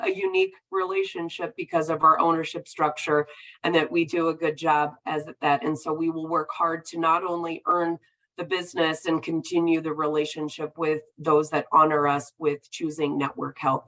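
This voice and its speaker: Woman, health plan rep, low steady voice, earnest. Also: normal speed, low-quality recording. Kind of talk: panel remarks.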